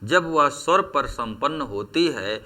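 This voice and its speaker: A man giving a grammar lesson, speaking very slowly and deliberately. His voice is bright and forceful, sitting a little high for a man. His pitch moves a great deal as he works through examples. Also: animated. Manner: slow, deliberate explanation with spoken examples. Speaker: Hindi teacher. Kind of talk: classroom lecture on grammar.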